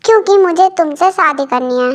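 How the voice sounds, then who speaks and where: A woman's voice: very high-pitched, expressive, a little fast. Woman voicing [name], bossy young mafia man. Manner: commanding, blunt. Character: possessive young male mafia boss, bossy.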